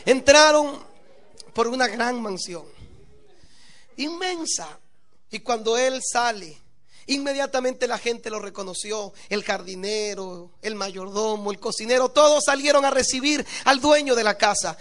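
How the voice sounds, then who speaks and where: A male pastor preaching a sermon, telling a story and then building to impassioned, shouted preaching. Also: extremely high pitch, measured pace.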